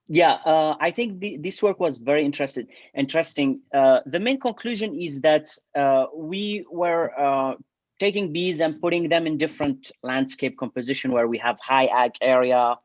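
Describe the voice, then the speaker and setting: A man's voice: on the high side, moderate pace, no echo, muffled recording. A man from Syria, explaining his bee research in an interview with many hesitations and restarts. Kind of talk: interview answers.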